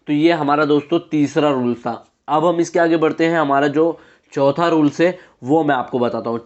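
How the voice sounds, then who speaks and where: A man teaching English pronunciation in a classroom-style lesson, calling viewers friends, asking questions and answering them himself, slowing down to spell out words. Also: on the high side, dull audio. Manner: addresses viewers as friends, repeats answers to his own questions.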